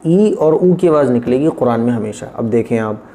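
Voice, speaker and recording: A man teaching Quran reading as a patient lesson. He repeats each point and drills letter sounds slowly, one at a time. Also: medium pitch, expressive, mellow. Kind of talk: patient classroom explanation with slow drilled recitation.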